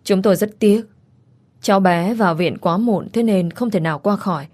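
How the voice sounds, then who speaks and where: A woman voicing a grave hospital doctor giving bad news in measured words. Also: mid-range voice, darkish tone, natural voice.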